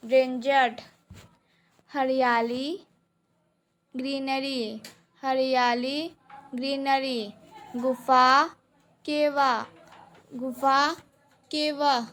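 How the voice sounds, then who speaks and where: Slow, bright-voiced woman teacher. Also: high-pitched, level tone. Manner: slow, deliberate repetition of each word pair. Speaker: English teacher. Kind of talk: slow vocabulary drill, word then translation.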